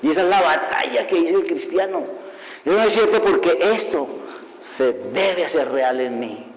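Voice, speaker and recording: A man preaching a sermon as an evangelist, lively and full of rhetorical questions, laughing at his own stories. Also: on the high side, moderate pace. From Colombia. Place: church hall. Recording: long hall reverb.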